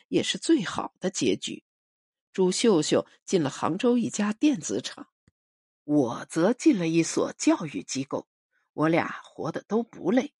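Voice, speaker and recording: A woman narrating a novel as an audiobook, in a measured, expressive storytelling manner. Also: fairly low pitch, husky, dry recording, studio quality.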